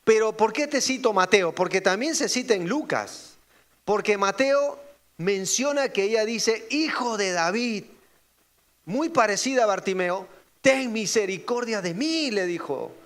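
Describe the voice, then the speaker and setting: In an unhurried, expressive sermon, a male pastor poses rhetorical questions to his congregation. When he quotes others, he acts out their voices, his pitch leaping sharply.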